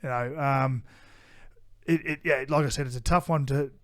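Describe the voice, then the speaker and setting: This Australian podcast co-host is middle-aged, with a mid-range, slightly bright voice, fairly even intonation, and a moderate pace. He chats casually and bluntly, swearing often, repeating himself, and starting sentences over.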